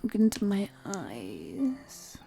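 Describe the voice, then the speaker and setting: Here the ancient vampire seductress, performed by a woman, whispers slowly with a breathy, mellow quality in a mid-range voice that swings hugely in pitch and is heavily acted. She flirts possessively, teasing and purring endearments as in an intimate roleplay audio drama with background music, sounding hungry and seductive.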